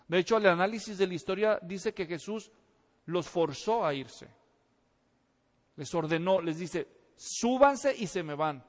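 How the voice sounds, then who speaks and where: A man preaching a sermon, telling a story in a lively way, acting out the voices and asking the congregation questions. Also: high voice. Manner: animated storytelling, acts out voices, asks the audience questions. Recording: reverberant hall.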